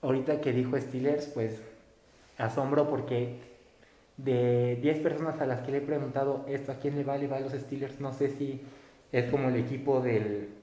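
A man's voice: medium pitch, steady tone, moderate pace, warm tone. A young man hosting a casual interview, asking chatty, rambling questions. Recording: roomy echo.

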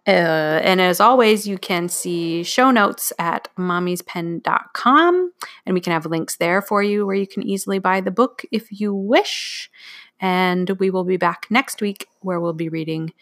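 A woman's voice: on the low side, lively intonation, unhurried, a bit bright. A woman who is an author and podcast co-host, reading from her book and then wrapping up casually with fillers.

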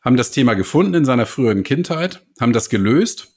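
A man in casual conversation, telling stories in an animated way and acting out the people he quotes. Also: medium pitch, quick pace, breathy edge. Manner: animated storyteller, acts out quoted voices. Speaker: hypnotist and podcast host guest.

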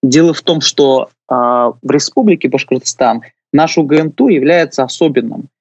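A man in his late twenties, a guest on a radio show, speaking earnestly with many pauses and fillers. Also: mid-range voice, a little mellow, no echo, lo-fi sound. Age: 20s. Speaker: guest, youth official. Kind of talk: radio interview.

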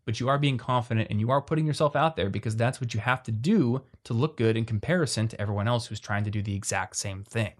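Male podcast co-host, mid-pitched, quick conversational delivery, reads listener questions aloud. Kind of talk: casual podcast chat.

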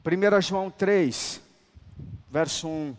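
A man preaching a sermon, emphatic and colloquial, moving between loud declarations and hushed, tender lines and calling listeners brother. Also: high voice, slow. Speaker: apostle preaching. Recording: long hall reverb.

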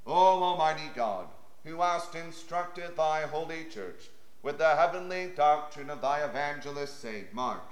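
A man leading a church service, reciting the liturgy in a brisk, steady way, his voice carrying through cathedral echo. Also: on the high side. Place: large church. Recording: roomy cathedral echo, faint organ music.

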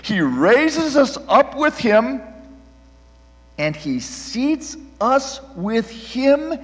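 A male pastor preaching a sermon with animated delivery, swinging between loud emphasis and hushed, quiet lines, often restarting and repeating words. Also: very high-pitched, drawn-out words, in a large hall.

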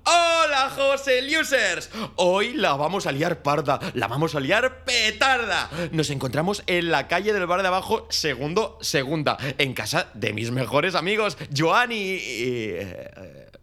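A man's voice: on the high side, very animated, measured pace, bright, forceful tone, exaggerated voice. A man playing a hyperactive youtuber who talks like a hyped showman.

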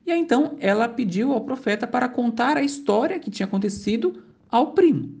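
A woman's voice: on the high side, expressive, brisk, vocal fry, darkish tone. A woman, casually telling a religious story and linking each part with the same repeated phrase.

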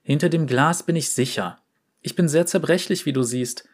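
A man playing Fiaram, a gentle clockwork boy. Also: a little high, moderate pace, husky. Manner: soft, gentle, playful. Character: shy gentle porcelain clockwork boy, playful showman.

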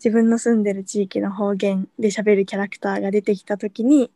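A woman co-hosting a casual podcast, reading out questions and explaining Japanese words in a relaxed way. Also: mid-range voice, brisk, dry recording. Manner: relaxed, reads out questions and prompts her partner. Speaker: podcast co-host.

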